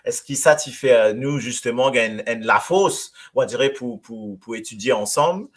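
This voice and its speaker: A man with a Mauritian accent hosting a casual radio talk show, talking in a halting way and often repeating words. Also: medium pitch. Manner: halting, repeats words, mixes Creole and French. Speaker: radio host.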